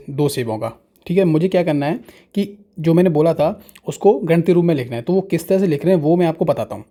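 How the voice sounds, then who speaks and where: Patient man teaching, mellow voice. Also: on the high side. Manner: slow, patient, asks questions and answers them himself. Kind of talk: explaining fractions to students.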